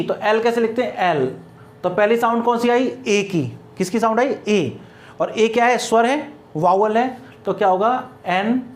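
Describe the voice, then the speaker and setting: A male teacher giving a classroom grammar lecture, spelling words out letter by letter and drilling students with repeated rhetorical questions. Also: high-pitched.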